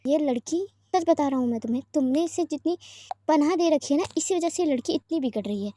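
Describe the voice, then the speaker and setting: A woman's voice: high voice, lively intonation, fairly quick, mellow, a little hiss or hum. A woman reading a story aloud, voicing a stern mother who nags and scolds her children in an exasperated tone. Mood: scolding.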